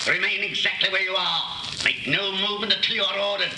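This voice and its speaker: An actor playing a cold, commanding, mocking voice from a hidden telescreen in a 1940s radio drama. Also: male voice, sits high, fairly even intonation, fast, close to an everyday voice. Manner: commanding, mocking, echoing back words. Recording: echoey, very noisy old radio recording.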